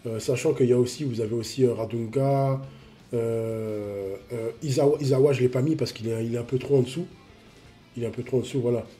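A man's voice: mid-range voice, warm tone. A man with a cold, sniffling as he reviews a mobile game card in a casual, repetitive way, full of fillers. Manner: repeats himself, full of fillers.

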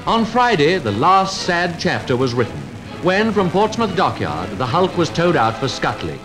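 Old newsreel guy, high-ish lively voice, solemn formal read, music going behind him. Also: low-quality recording. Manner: solemn, formal, measured delivery. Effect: old newsreel voice-over. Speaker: newsreel narrator. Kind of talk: scripted 1940s newsreel narration.

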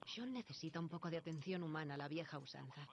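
A woman's voice: low voice, animated, fast talker, highs cut off, slight background noise. A woman playing a loving, protective young wife and mother in a video game drama. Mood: warm, teasing. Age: young adult. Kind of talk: video game drama acting in Spanish dub. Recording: loud game sound effects behind.

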